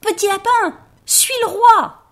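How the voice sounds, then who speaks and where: A woman doing a squeaky little rabbit king. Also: moderate pace, husky, full character voice. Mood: excited. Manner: squeaky, excited calling. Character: small eager male rabbit who wants to be king.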